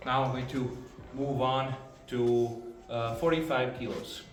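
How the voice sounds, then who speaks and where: A man's voice: medium pitch, flat delivery, measured pace. Man vlogging his workout from afar. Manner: breezy, explaining exercises between sets with many fillers. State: out of breath at times. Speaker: arm wrestler filming his training. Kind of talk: casual training vlog. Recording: roomy sound from a far camera, faint music.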